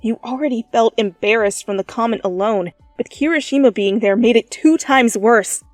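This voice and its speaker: A woman with a slightly high voice reads fanfiction at a normal pace as a channel host, mixing dramatic narration with goofy, self-mocking, casual asides. The recording has no echo, and faint music plays behind her.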